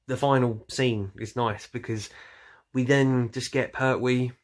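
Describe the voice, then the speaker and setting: A man reviews an audio drama on YouTube in a casual, unscripted way. His mid-range voice is steady and a little slow, and he rambles loosely, often trailing off or correcting himself.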